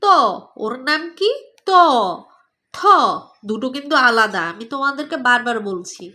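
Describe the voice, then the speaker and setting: Woman, Bangladeshi Bengali accent, children's pronunciation lesson, bright tone, repeats each sound. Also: fairly high pitch, expressive. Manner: slow, drawn-out, repeats each letter for pupils to echo. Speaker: teacher.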